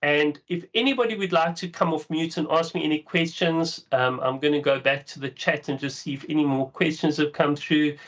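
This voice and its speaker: A man's voice: on the high side, fairly even intonation, brisk, few pauses, a bit bright. A man with a South African accent giving a casual, explanatory webinar presentation over a video call. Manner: casual, explanatory, with frequent ums. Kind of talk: webinar presentation with screen share. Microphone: video call mic. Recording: dull lo-fi video call audio.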